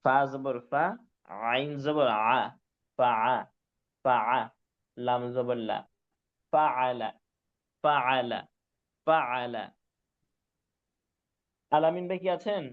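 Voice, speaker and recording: A man teaching Quran reading in an online class, patiently spelling out syllables slowly and repeating each word. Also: mid-range voice, narrow, tinny audio. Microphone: online class call mic.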